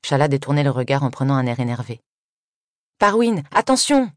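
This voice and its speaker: A woman reading a first-person story aloud in an even, measured way. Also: a bass voice, no room sound, studio quality. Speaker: audiobook reader. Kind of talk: scripted first-person narration.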